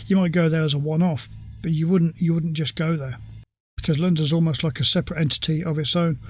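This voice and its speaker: A man's voice: fairly high pitch, fairly even intonation, fast talker, darkish tone, no echo, faint music behind. A man commenting casually on a video, explaining at length with restarts. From United Kingdom. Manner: rambling, explanatory, many restarts. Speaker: reaction video host.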